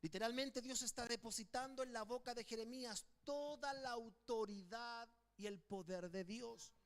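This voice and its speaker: A male pastor preaching a sermon to his congregation, with a notably high-pitched voice. He calls on the listeners to repeat after him, shouting some phrases and slowing others into a near hush. His tone is emphatic throughout. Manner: swings between loud declarations and quiet, slowed phrases. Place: church sanctuary with congregation.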